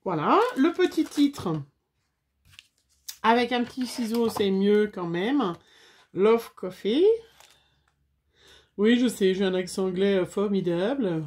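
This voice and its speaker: A woman's voice: mid-range voice, lively intonation, measured pace, a little mellow. A woman chatting casually to viewers while making a scrapbooking craft, with frequent fillers.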